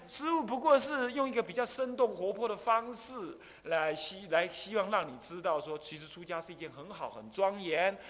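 Animated abbot lecturing with hall echo. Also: male voice, high voice. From Taiwan. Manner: animated, acts out voices, rhetorical questions. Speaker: Buddhist abbot, teacher. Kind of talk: dharma lecture with storytelling. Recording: long hall reverb.

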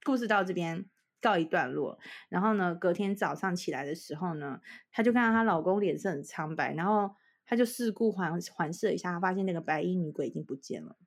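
A woman's voice: on the low side, brisk. A young woman from Taiwan, co-hosting a podcast and telling a ghost story casually, acting out the voices of the people in it. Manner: animated storytelling, acting out quoted voices with laughs. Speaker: podcast co-host.

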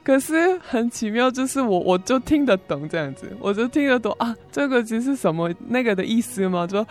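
A young South Korean woman, a student appearing as an interview guest, speaks Mandarin as a foreigner with a Korean accent; Korean is her native language. Her voice is fairly high, animated and fairly quick, and her testimony comes in simple, hesitant phrases with repeats over background music.

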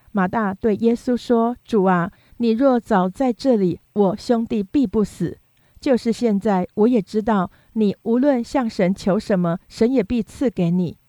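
A woman reading scripture aloud in a steady, measured way. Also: medium pitch, no room sound. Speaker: Bible reader.

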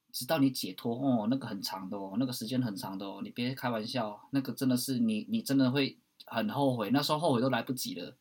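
Husky man, blunt and preachy, veering from loud to quiet, mid-range pitch. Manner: blunt and preachy, swears, swings from loud to hushed. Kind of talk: impassioned monologue.

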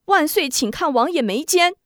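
A woman's voice: sits high, lively intonation, moderate pace, fairly bright tone, no room sound, studio quality, voice pushed up. A woman storyteller voicing a clever, humble young male fighter who speaks earnestly and deferentially. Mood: earnest, urgent.

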